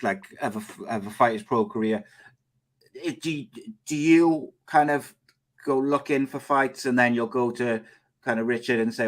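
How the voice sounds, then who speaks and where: A man with a Cardiff Welsh accent, chatting and bantering casually as host of a sports podcast. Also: lowish voice. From Cardiff, Wales.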